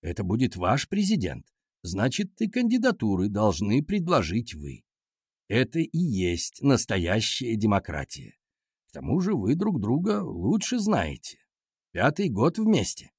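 A man voicing a stern but kind male schoolteacher in a lower, measured, lecturing tone with a husky voice. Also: wildly swooping pitch, darkish tone, dry recording, studio quality, exaggerated voice. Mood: patient, lecturing.

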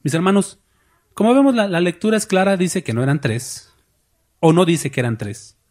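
A man preaching a sermon as pastor, lively, asking the congregation questions and acting out voices. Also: high-pitched, normal speed.

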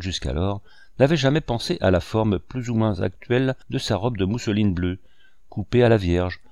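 A man narrating a classic French novel in a measured, literary reading style. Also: fairly low pitch, a little mellow, no echo, clean studio sound. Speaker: audiobook reader. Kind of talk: scripted narration.

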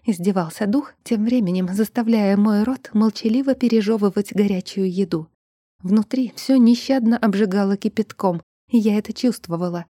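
A woman narrating a first-person fantasy audiobook in a quiet, tense storytelling voice that sinks toward a whisper. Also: medium pitch, normal speed, slightly rough, no room sound, clean studio sound.

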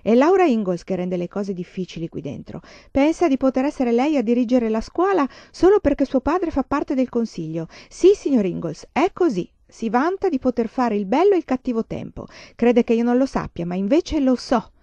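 A woman voicing a spiteful, angry young schoolteacher in a shrill, indignant tone. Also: wildly swooping pitch, fairly quick, few pauses, warm tone, no echo. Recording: dull, dry lo-fi audiobook recording.

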